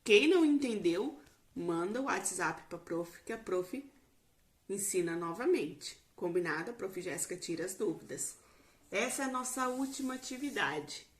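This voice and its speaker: A Brazilian woman teacher explaining a lesson slowly to young children in a recorded remote class. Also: medium pitch, lively intonation. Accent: Brazilian Portuguese.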